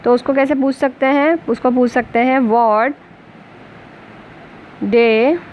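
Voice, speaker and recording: A woman with an Urdu accent teaches basic English at a slow, careful pace, spelling words letter by letter. Her voice sits slightly high. The lo-fi recording is dull, with faint passing traffic behind her. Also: fairly even intonation. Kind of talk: basic English lesson for beginners.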